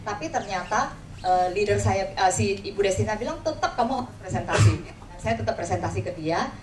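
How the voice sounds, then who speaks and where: In a lively, fairly quick and slightly mellow mid-range voice, an agency leader with a Jakarta Indonesian accent gives a casual motivational talk to an indoor audience. She tells her own stories in a chatty way, voicing quoted lines and frequently checking that listeners agree. Captured on a far-off mic, the audio is echoey with background noise.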